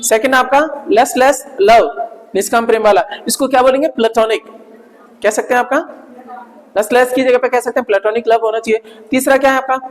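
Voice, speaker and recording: A man's voice: very high-pitched, fairly even intonation, brisk. A male teacher drills vocabulary in a classroom, quizzing students and repeating each word many times. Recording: reverberant classroom.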